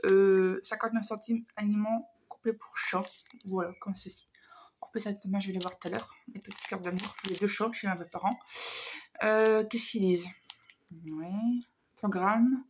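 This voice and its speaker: A woman vlogger with a hoarse voice chatting casually through a shopping haul, hesitant and full of fillers. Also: mid-range voice, steady tone, normal speed, a little hiss or hum.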